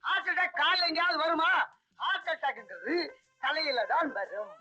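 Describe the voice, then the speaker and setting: An actor playing a gullible, mocking comic moneylender with a drawn-out way of talking, from an old film soundtrack. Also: male voice, extremely high pitch, very animated, bright, forceful tone, muffled recording, soft background music, heavily acted. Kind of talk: 1980s Tamil film dialogue.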